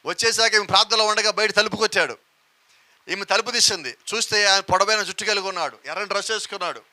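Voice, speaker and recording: High bright-voiced preacher guy, keeps asking the crowd questions. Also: fast. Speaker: pastor. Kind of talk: sermon.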